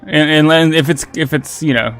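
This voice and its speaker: A man's voice: fairly high pitch, moderate pace, fairly bright tone, soft background music. A man streaming a game, chatting casually with viewers and restarting his sentences a lot. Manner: rambling, with frequent restarts and repeated words. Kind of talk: casual livestream gaming chat.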